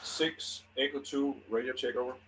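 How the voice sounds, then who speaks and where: A man talking tactics haltingly over a headset voice channel in an online military game, repeating words as he goes. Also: medium pitch, fairly bright tone. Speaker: player taking a platoon role in a military simulation game. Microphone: gaming headset over voice chat. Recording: distant noisy headset voice channel.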